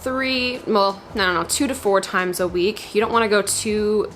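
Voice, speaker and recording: Speaking at a moderate pace in a mid-range, fairly bright voice, a young woman who is heavily pregnant explains things conversationally to camera, her talk sprinkled with "like" and "you know." She's a fitness vlogger demonstrating workouts in a small garage gym at home. There's slight background noise.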